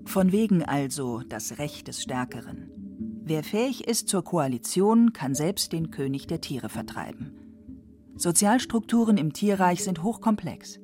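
A woman's voice: low-pitched, big pitch swings, unhurried, over music. A woman reading scripted narration in the manner of a documentary.

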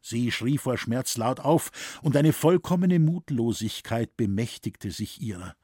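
A man reading a novel aloud with measured, solemn storytelling. He takes his time, his voice is slightly husky, and the sound is close and dry. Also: mid-range voice, animated, mellow, no room sound. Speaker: audiobook narrator. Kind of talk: scripted narration.

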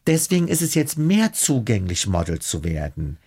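Gravelly, husky man speaking emphatically. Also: wildly swooping pitch, normal speed, a little mellow. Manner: emphatic, talks straight to listeners with big swings in pitch. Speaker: guest, fashion and model expert. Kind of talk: podcast interview chat.

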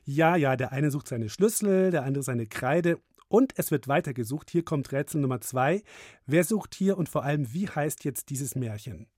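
Low-voiced, chatty woman radio host. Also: expressive, normal speed, a little mellow, dry recording, clean studio sound. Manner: chatty and encouraging with callers. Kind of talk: children's radio call-in chat.

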